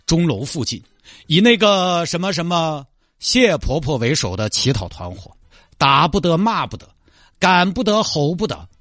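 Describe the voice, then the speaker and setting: Man playing an earnest young city officer, reasoning, lower voice, dry sound. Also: very animated, normal speed, fairly bright tone, no room sound. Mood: complaining. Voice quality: patient, reasoning tone.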